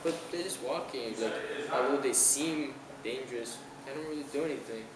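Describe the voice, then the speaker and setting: A young Iranian man with a medium-pitched voice speaks at a moderate pace while answering questions in a casual outdoor interview on an island near a city. He sounds hesitant, restarting often and using plenty of fillers. The camera audio is roomy and noisy, captured from a distance.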